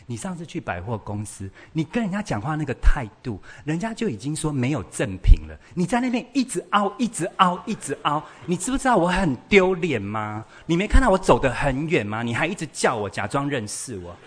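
A man's voice: lowish voice, sing-song, slightly rough. A man voicing an exasperated teenage child who scolds a parent in a whiny, accusing way. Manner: whiny, accusing, rapid complaints.

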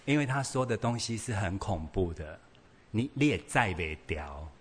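Guy, lowish voice, teaching a parenting class, lively and storytelling. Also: moderate pace, slightly rough. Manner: animated, storytelling, acts out scenes.

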